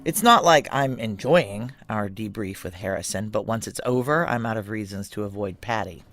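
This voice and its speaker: Narrating and starring in a noir audio drama, an actress plays a tough, weary female military chief, blunt, clipped and commanding, with a weary, wry mood. Her voice is extremely low in pitch yet fairly bright, spoken at normal speed.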